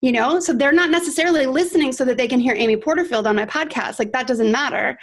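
Woman, upbeat chatty guest on a video call, slightly high voice. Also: fast talker. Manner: chatty, enthusiastic, many "like" and "right?". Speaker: guest podcaster. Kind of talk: casual video-call discussion.

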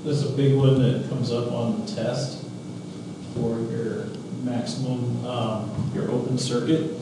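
A man's voice: medium pitch, little pitch movement, slow pace. A man in a class discussion, adding practical points to what the instructor is teaching. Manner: adds practical points to the lecture. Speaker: class participant. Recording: distant, very echoey classroom with noise.

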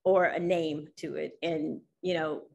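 A woman with a lowish voice answers panel questions over a video call. She talks in a thoughtful, reflective way. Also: fairly even intonation, unhurried, gravelly, highs cut off, a little hiss or hum. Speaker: panelist, newspaper columnist.

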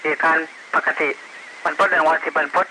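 Guy doing police status report on walkie talkie, voice a bit high, lots of noise. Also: little pitch movement, a little fast, pushed and bright. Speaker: police station radio operator. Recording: noisy two-way radio transmission.

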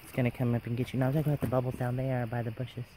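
A man's voice: little pitch movement, rapid-fire, dark tone, slight background noise. A man filming a casual travel vlog outdoors on a hike, chatting easily and teasing his companions. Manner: easygoing, teasing, talks to his dog in a higher voice. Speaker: vlogger. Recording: music playing underneath. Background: music.

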